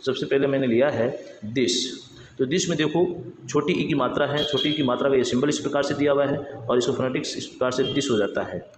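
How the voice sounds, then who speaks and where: A man gives a patient English pronunciation lesson, spelling words out letter by letter and repeating each one. His voice sits at an ordinary middle pitch. It rings with a long echo, and faint noise runs underneath. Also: brisk. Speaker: English teacher. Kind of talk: explanatory lesson. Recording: echoey room with faint background noise.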